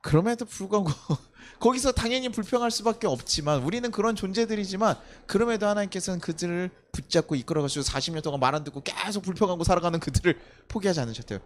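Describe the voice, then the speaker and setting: High-voiced man preaching conversationally. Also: animated, quick pace, few pauses. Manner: conversational, asks the congregation rhetorical questions; acts out scolding a child with loud outbursts. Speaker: pastor. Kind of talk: sermon.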